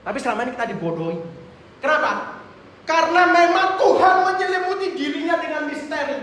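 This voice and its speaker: A man preaching a sermon, telling a story with acted-out voices and sudden loud outbursts. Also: very high voice, animated, brisk, roomy sound, slight background noise, rough recording.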